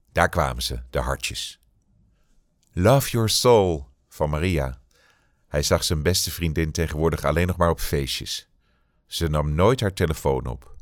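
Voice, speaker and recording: A man with a very low voice reads a literary novel aloud, measured and deliberate, and slows down for each dramatic beat. The recording is close and completely dry. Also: dry recording. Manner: measured, slowing for dramatic beats. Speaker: narrator. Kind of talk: literary audiobook reading.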